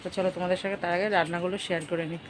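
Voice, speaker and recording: A middle-aged woman talking casually to her vlog viewers in a brisk, practical way about her chores and cooking. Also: fairly low pitch, flat delivery, noisy background. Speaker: vlogger's mother.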